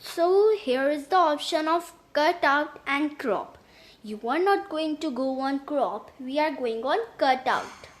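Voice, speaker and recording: A woman hosts a step-by-step tutorial in a high voice. She goes slowly, with halting phrasing that often repeats itself as she explains each step. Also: animated. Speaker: tutorial host. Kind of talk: step-by-step app tutorial narration.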